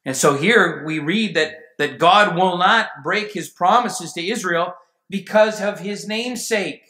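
Male pastor, high bright voice, emphatic preaching, roomy church sound. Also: unhurried. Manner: emphatic preaching, rising to near shouts. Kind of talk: sermon. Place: church sanctuary. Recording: echoey church room.

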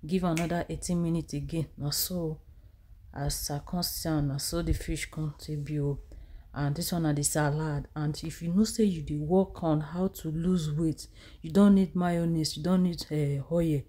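A woman's voice: deep voice, steady tone, normal speed, mellow. A woman in her thirties with a Nigerian accent, chatting through a home cooking vlog in English mixed with Pidgin. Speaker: cooking vlogger. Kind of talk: casual voice-over narration of a cooking vlog. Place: home kitchen.

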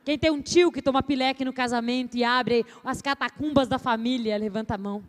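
Woman, storyteller, high voice, expressive, playful, involves the audience. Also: a little fast. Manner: expressive, playful, asks the audience to raise hands. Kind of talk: live storytelling performance to an audience. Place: seminar stage before an audience.

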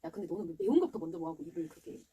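A woman's voice: on the low side, animated, rapid-fire, warm tone, highs cut off. A young woman chatting casually as an eating-show guest, blunt and playfully argumentative. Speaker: mukbang guest. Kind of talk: casual chat while eating. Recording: clearly noisy background.

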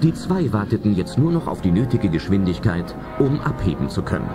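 A man with a deep, sing-song voice narrates a suspenseful adventure audio drama at a brisk pace. He reads the script in storyteller style, building suspense, while loud music plays under the narration.

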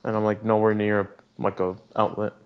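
A man chatting with friends in a co-op game, talking in halting bits. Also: on the low side, level tone, smooth, highs cut off. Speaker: gamer. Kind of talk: casual co-op gaming chat.

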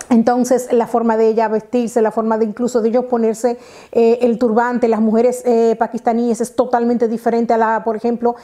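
Dominican woman in her thirties, casual vlog storytelling, fairly high voice, mellow tone, lapel mic at home. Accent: Dominican Spanish. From Dominican Republic. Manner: chatty, animated hand gestures, many fillers and restarts. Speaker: vlogger. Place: living room at home, indoors.

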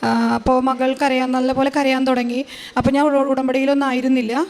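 Middle-aged woman with a Malayalam accent, high and even-toned voice, hesitant testimony full of fillers. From Kerala, India. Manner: slow and halting, with many fillers. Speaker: testimony giver. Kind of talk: personal testimony.

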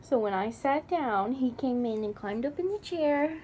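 A woman's voice: high voice, expressive, moderate pace, darkish tone, slight background noise. A young woman in her twenties chatting casually in a home vlog, talking sweetly to her pets. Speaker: vlogger. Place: home pet room, indoors.

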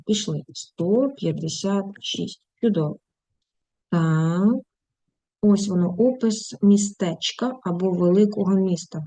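A woman's voice: medium pitch, warm tone, dry recording, poor audio. A woman English teacher explaining textbook exercises step by step in a recorded lesson, switching into English for examples. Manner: explains textbook tasks step by step, mixing English phrases into Ukrainian. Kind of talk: recorded online lesson walkthrough.

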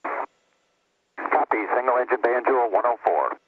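A shuttle commander giving clipped, procedural readbacks over a space-to-ground radio link. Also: male voice, medium pitch, expressive, takes it slowly, slightly rough, phone-quality sound. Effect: space-to-ground radio transmission. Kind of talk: terse radio callouts.

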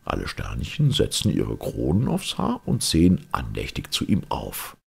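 Narrating a children's fairy tale for an audiobook, this man tells the story in an expressive, measured way. His gravelly, husky voice is extremely low in pitch.

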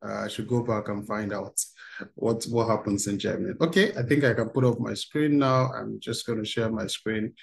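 A man's voice: fairly low pitch, steady tone, moderate pace, vocal fry. A man, running an interactive online workshop for teens over a video call. He talks in an upbeat way and reads out replies from the chat. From Nigeria. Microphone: video call webcam.

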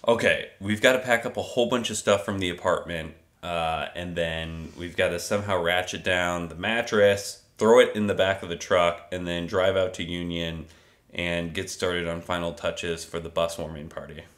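Bright-voiced man chatting on a vlog. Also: deep voice, fairly even intonation, moderate pace. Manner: upbeat, chatty, laughs easily. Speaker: vlog co-host. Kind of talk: casual vlog chat.

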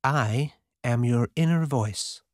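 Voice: mid-range voice, takes it slowly, a little mellow, no room sound, clean studio sound, natural voice. A narrator voicing a cheeky inner voice that speaks in a playful, matter-of-fact way. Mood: teasing.

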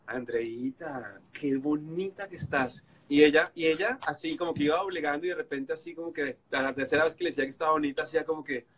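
A man's voice: a little high, steady tone, rapid-fire, few pauses, fairly bright tone, slight background noise, rough recording. A man with a Colombian accent telling stories animatedly on a video call, mimicking others and laughing. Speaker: guest on a live stream. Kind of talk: casual storytelling on a video call.

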